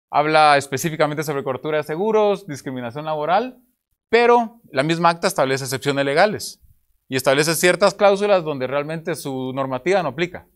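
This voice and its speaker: On a conference panel in a room with projected slides, a young man from Guatemala speaks into a table mic in explanatory fashion, posing rhetorical questions. He has a Guatemalan Spanish accent and a voice on the high side, a bit bright.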